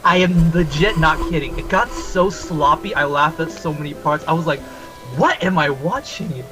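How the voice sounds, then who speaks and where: A man from Taiwan, a podcast guest, chatting casually and giving his opinions with quick laughs. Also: on the high side, animated, music in the background. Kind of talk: casual chat.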